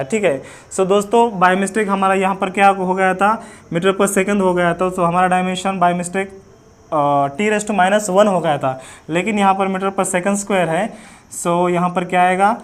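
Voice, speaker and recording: High-voiced Indian man teaching physics. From Maharashtra, India. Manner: addresses students as friends, mixes English into Hindi, asks and answers himself. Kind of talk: whiteboard physics lesson.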